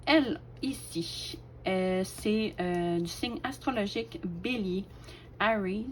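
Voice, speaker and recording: A woman, casually showing off her craft collection, chatty and hesitant with lots of fillers and soft laughs. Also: mid-range voice, slow, a little hiss or hum. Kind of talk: casual show-and-tell.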